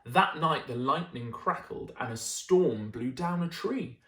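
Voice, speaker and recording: Teacher-type woman, expressive bedtime storyteller, roomy echo. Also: rumbling low, measured pace. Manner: expressive, adds gentle asides.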